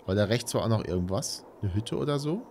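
Over loud ambient noise from a horror game, a gaming streamer in his thirties mutters to himself as he plays. His pitch is fairly low, his delivery animated and quick, and his let's-play commentary casual and musing.

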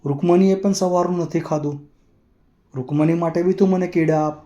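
A man voicing a gentle male deity who speaks tenderly and coaxingly. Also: fairly high pitch, steady tone, normal speed, dull audio, close to an everyday voice.

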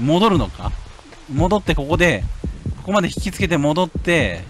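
A man giving lively let's-play commentary on a horror game, muttering to himself and then yelling at scares. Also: moderate pace, noisy background. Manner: animated, jumps from low mutters to yelps and shouts. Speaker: game streamer.

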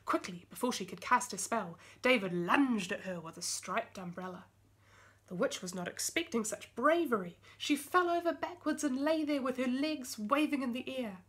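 A woman reading a children's picture book aloud, lively and expressive. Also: a little high, moderate pace. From New Zealand. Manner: lively, expressive, voices the characters. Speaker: storyteller.

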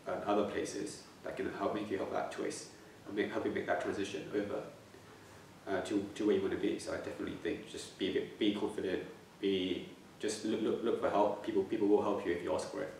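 Slight background noise accompanies a gravelly, slightly mellow voice on the low side. He's a man in his twenties who stammers while reflectively answering an interview, repeating and restarting, recorded in a plain indoor room with echo and a slightly distant mic.

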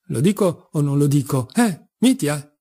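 A man's voice: a little high, expressive, unhurried, mellow. A man reading an audiobook, voicing an older scheming, buffoonish father who whines and plays the wounded victim. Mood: accusing. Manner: theatrical, whining, mock-pleading. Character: old buffoonish scheming father, shrill and wheedling.

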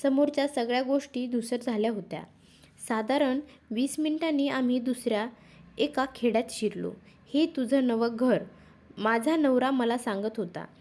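High-voiced woman reading a story. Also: moderate pace. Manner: even, steady first-person reading. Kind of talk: scripted story narration.

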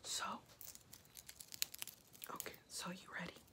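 Young woman, fast ASMR whispered role-play. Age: young adult. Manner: fast, brisk ASMR, giving short instructions. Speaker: ASMR performer playing a medical examiner. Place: small bedroom, indoors.

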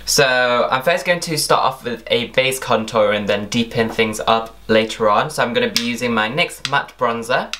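A man's voice: medium pitch, moderate pace, hardly any pauses, bright, forceful tone, slight background noise. A young man narrating an instructional makeup tutorial as its presenter. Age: young adult.

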